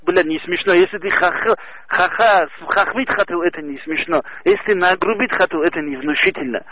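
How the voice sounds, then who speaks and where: A man with a high, slightly husky voice swears his way through a confrontation over the phone. His delivery is blunt and aggressive, and the muffled, dry audio sounds like a call heard on the receiving end. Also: brisk, no echo. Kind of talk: heated phone conversation.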